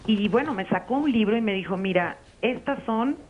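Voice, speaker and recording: A woman's voice: on the high side, lively intonation, normal speed. A woman, calling in over the phone to a live radio show and earnestly telling her story at length. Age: 40s. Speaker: caller. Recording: dull lo-fi phone line.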